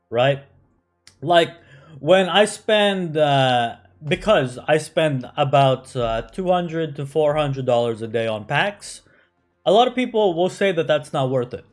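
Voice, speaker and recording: A man who grew up in the United States, chatting casually on a game live stream, answering chat with lots of fillers and "right?" tags. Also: mid-range voice.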